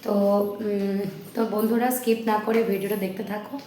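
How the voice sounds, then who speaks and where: A woman with a hoarse voice talks through her day in a casual home vlog, breaking off now and then to talk to her baby. Her voice sounds echoey, with a faint hiss in the background. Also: mid-range voice, little pitch movement, a little fast, dark tone. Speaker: vlogger.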